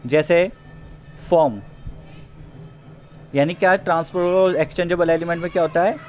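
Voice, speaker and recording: A man teaching a grammar lesson in Hindi, who reads example sentences slowly, then explains them and answers his own questions. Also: fairly high pitch, fairly even intonation, soft background music.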